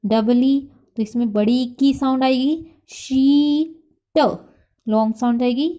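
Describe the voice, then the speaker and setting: A woman with an Indian accent teaching a spelling dictation lesson to young children, spelling out letters and sounds slowly and switching between Hindi and English. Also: on the high side, steady tone, mellow. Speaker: kindergarten teacher.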